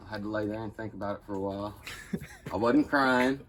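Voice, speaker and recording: A middle-aged American motorcycle mechanic and rider, appearing as an interview guest, tells casual stories in plain, colloquial language and curses along the way. His voice is fairly low and a bit bright, his pace brisk, and the background is clearly noisy.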